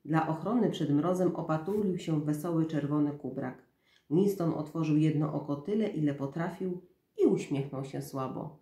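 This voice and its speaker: A woman in her thirties, a mother reading a storybook aloud in a soft, measured, quiet voice. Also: sits low, reverberant.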